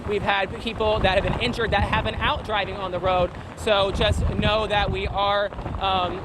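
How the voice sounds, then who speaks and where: A male field reporter with a high-pitched voice delivers live breaking weather coverage. He projects in a raised voice over the wind. The recording is outdoors by a road, with very loud wind noise battering the microphone. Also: little pitch movement, normal speed. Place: outdoors on a roadside in hurricane wind. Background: wind gusts and roaring.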